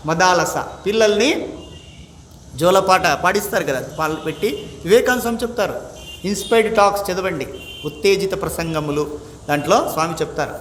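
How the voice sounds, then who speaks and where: High-voiced swami in an echoey room. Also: male voice. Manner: lively, rhetorical questions to listeners, chants verses slowly; mixes English words into his talk. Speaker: swami teaching the Gita. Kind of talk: spiritual discourse. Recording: echoey room, faint background noise.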